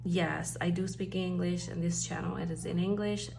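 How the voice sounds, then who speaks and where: This planner vlogger, a stay-at-home mom from Puerto Rico, has a gravelly, slightly mellow voice on the low side, with fairly even intonation and a normal pace. Her Puerto Rican accent comes through as she rambles chattily through planners in a home vlog, correcting herself along the way. A little hiss or hum sits under the recording.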